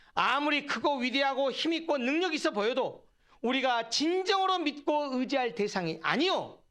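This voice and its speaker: High-voiced, lively male preacher. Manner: earnest, asks the congregation rhetorical questions. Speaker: pastor. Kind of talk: sermon. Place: church sanctuary.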